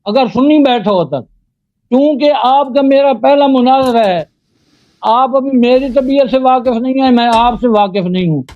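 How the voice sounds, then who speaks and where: A man debating religion live, slowly chanting Arabic invocations and then arguing pointedly. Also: extremely high pitch, no echo. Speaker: debater, Sunni cleric. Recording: dull, dry lo-fi audio.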